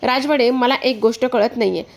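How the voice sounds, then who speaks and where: A woman's voice: fairly high pitch, brisk, natural voice. A woman voicing a young married elder sister who scolds and pleads in a retold serial story, in her own voice. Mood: troubled. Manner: lecturing, pleading.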